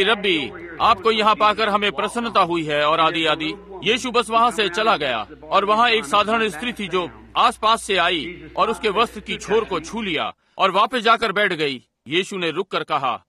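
Earnest high-voiced male preacher. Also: bright, forceful tone. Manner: earnest, repetitive preaching with asides to the congregation. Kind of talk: Hindi sermon and prayer.

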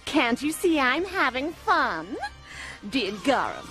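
Haughty, animated anime villainess. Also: female voice, sits high, takes it slowly, full character voice. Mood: sly. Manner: haughty, theatrical. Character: boastful, haughty villainess, insect-commanding conqueror. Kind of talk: English anime dub acting. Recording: loud music behind the dialogue.

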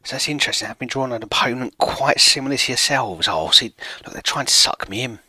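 Brisk and medium-pitched, this man's voice is pushed and bright with a breathy edge and no echo. In his late thirties, he plays a football management game on stream from home, casually chatting with viewers, reading their messages aloud and making fun of himself.

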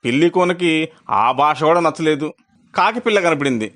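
A man narrates a children's moral tale with an expressive storyteller's delivery. He slows down for effect at key moments, and his voice sits a little high for a man.

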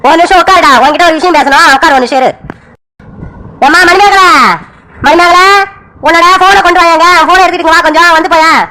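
Woman doing a stern, fast-talking father. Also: very high-pitched, fairly even intonation, pushed and bright. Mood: commanding. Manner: scolding, commanding. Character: stern strict village father. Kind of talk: cartoon voice acting.

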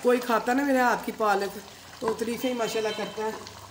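A woman's voice: on the high side, steady tone, a little fast, background noise. Homely middle-aged mother cooking. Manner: homely, affirming, says "haan ji" often. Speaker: home cook, host's mother. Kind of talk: casual cooking chat. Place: home kitchen. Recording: home kitchen with clear sizzling. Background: frying and stirring in a pot.

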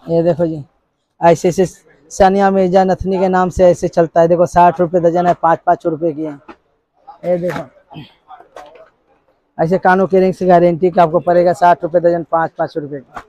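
A man in his thirties working as a wholesale shopkeeper, showing goods and listing prices in a brisk, repetitive sales patter inside a crowded shop. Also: high-pitched, flat delivery, warm tone, low-quality recording. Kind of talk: sales pitch to a vlogger. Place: crowded cosmetics shop, indoors.

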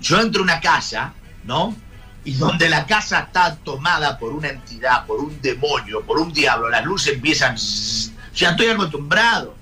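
A middle-aged Argentine man, a pastor, preaching a sermon through animated storytelling, with sudden shouted exclamations. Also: a little high, normal speed, soft background music. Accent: Argentine Spanish.

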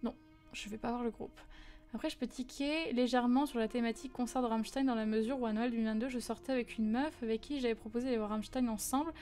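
A woman's voice: on the high side, fast, soft background music. A young woman streaming live, chatting casually with viewers and answering their messages with lots of fillers. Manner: chatty, animated, frequent fillers and laughs.

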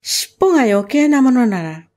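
A woman's voice: on the high side, sing-song, normal speed, a little mellow. A woman doing a polite mother cow. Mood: proud. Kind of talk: storybook reading.

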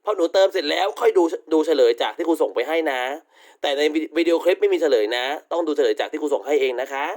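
A man's voice: on the high side, expressive, fast, a little mellow. A male university English teacher giving a recorded online vocabulary lecture, affectionately calling students "child" and repeating polite tag particles.

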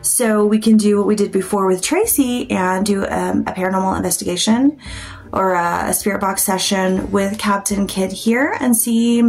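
A woman in her forties chatting casually to camera as a channel host, thinking aloud in a halting, rambling way. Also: mid-range voice, steady tone, darkish tone. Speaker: paranormal vlogger and channel host. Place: small plain room indoors.

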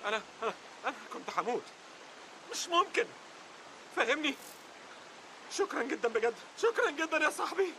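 A man's voice: very high-pitched, big pitch swings, a little fast, pauses often, sharp tone, slight background noise, exaggerated voice. Panicked, stammering male survivor. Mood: frantic. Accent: Egyptian Arabic. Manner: stammering, breathless pleading.

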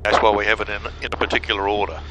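Over an aviation headset in a small aircraft cockpit, a man gives direct, hands-on flight instruction in short explanatory phrases. His fairly low voice is sharp and racing, with little pitch movement. The low-quality intercom audio carries faint engine noise.

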